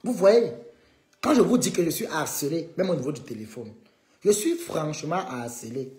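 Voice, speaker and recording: A man's voice: on the high side, lively intonation, normal speed, a little mellow, roomy sound. A man hosting a live stream, needling a rival and calling on his viewers in a combative way.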